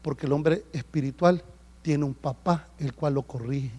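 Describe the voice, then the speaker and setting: A man preaching a sermon as pastor, telling stories with sudden swings from hushed to loud. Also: a little high, normal speed. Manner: animated storytelling, swinging between hushed and loud. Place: church service.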